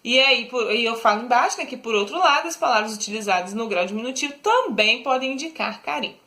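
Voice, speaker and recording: A woman's voice: fairly high pitch, animated, fast talker, sharp tone. A woman teacher, giving a lesson to young pupils, patient and affectionate, checking often that the class follows.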